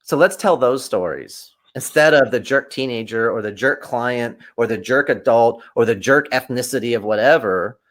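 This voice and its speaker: Animated man telling stories. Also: normal speed, hardly any pauses. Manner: acts out quoted voices with big jumps in pitch. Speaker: podcast guest, kung fu teacher. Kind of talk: animated storytelling conversation.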